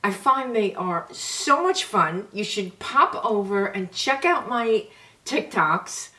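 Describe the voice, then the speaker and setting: An older New woman in her seventies chats unhurriedly to her viewers, showing off products one at a time in a friendly, homey manner. Her voice sits at an ordinary pitch. She is heard from a little way off the mic, with a faint hiss behind her. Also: lively intonation, slow pace, pushed and bright, far from the mic. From New York. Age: 70s. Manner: chatty, homey, shows items one by one. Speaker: beauty vlogger. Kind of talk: casual product chat to camera.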